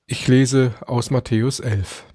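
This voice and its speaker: A man reading an Advent devotion aloud as a preacher, slow and deliberate, giving quoted lines some drama. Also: mid-range voice, fairly even intonation, mellow, husky, no echo, studio quality.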